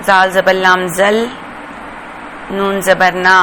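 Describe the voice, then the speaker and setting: Female Quran reading teacher, careful and slow, flat steady delivery, noisy recording with vehicles passing. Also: medium pitch. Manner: slow, careful spelling out of syllables.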